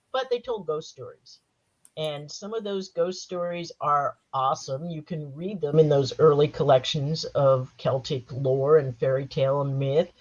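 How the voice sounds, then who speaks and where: A woman with a slightly hoarse voice from a cold, leading a panel discussion in a chatty, wry lecturing manner. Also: sits low, dull audio. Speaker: panel moderator and Halloween historian. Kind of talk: panel discussion on a live stream.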